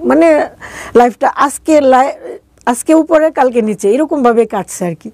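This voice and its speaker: A woman with a regional Bangladeshi accent, appearing as an interview guest, recounts her life story conversationally in colloquial language, acting out remembered dialogue. Her voice is high, a little mellow and unhurried. The recording is dry.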